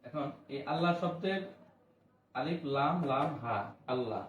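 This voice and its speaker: A man's voice: fairly high pitch, animated, a little hiss or hum. Distant echoey man teaching Quran. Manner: explains patiently, then recites slowly in a drawn-out chanting voice. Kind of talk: online Quran recitation lesson.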